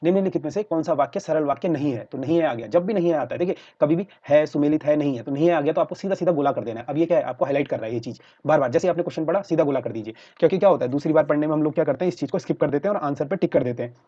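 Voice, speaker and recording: In lo-fi audio, a man with a fairly high, warm voice speeds through an online exam-prep lesson very fast with few pauses. He explains step by step and repetitively, repeatedly checking in with students through "theek hai".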